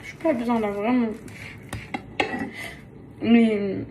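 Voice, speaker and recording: A woman's voice: fairly high pitch, fairly even intonation, takes it slowly, noisy background. Tired, venting young French woman. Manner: venting, exasperated, repetitive. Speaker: vlogger. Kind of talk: casual vlog chat. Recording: household clatter behind.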